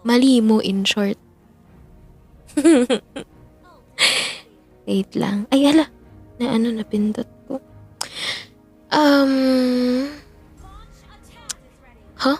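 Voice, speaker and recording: A woman with a fairly high, husky, darkish voice performs a heavily acted audio roleplay as a playful young best friend chatting while gaming, speaking extremely slowly with frequent pauses. She teases, giggles and backtracks when flustered, with soft background music behind her.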